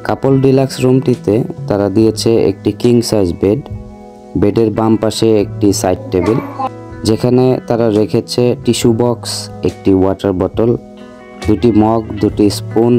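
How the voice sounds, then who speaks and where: A man in his thirties with a Bangladeshi accent narrates a hotel review as a travel vlogger, explaining things to his viewers. His voice is lowish and warm.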